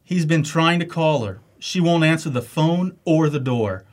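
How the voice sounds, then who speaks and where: Concerned, loyal husband and friend played by a man, lighter pitch, very animated, clear scripted delivery. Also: measured pace. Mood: gently persuading. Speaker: actor in an English lesson dialogue. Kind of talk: scripted dialogue acting.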